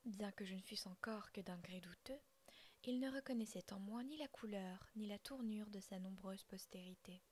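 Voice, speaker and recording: A woman reading a classic tale aloud in a soft, unvoiced ASMR whisper. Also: medium pitch, moderate pace. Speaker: audiobook reader.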